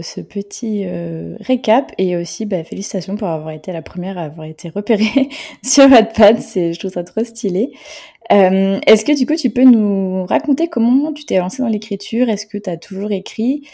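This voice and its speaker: A woman's voice: medium pitch, creaky, dark tone. A woman hosting a podcast interview, chatting casually with many fillers. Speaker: podcast host.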